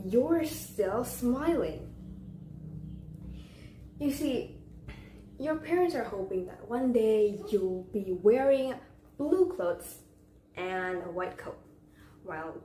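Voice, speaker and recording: Young woman, memorized dramatic speech, slow pace, mellow tone, roomy echo, theatrical pauses. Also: medium pitch. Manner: deliberate, theatrical delivery with pauses and rhetorical questions. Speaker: speech contest participant. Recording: echoey room with faint background noise.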